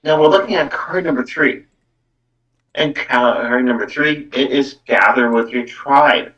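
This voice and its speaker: A male podcast host doing a live online psychic show talks a little slowly in a mid-range, slightly bright voice. His casual card-reading chat rambles, padded with "actually" and "though." The sound is muffled and distant.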